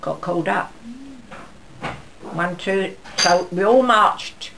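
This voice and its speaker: A woman of ninety-eight reminisces casually in an interview about her wartime life, rambling and acting out dialogue as she goes. Her lowish voice moves slowly with vocal fry, against a noisy backdrop of busy chatter.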